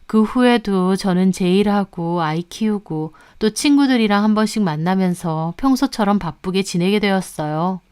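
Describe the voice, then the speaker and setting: A woman tells a family drama in the first person, with a smooth, clear voice at a middle pitch. She recounts events calmly, in a confiding tone. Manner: calm confiding retelling. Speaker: narrator. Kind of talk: first-person story narration.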